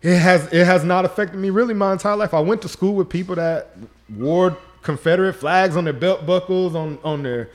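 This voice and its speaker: A man from Louisiana hosting a casual chat, asking questions in a halting way with frequent restarts. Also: sits high.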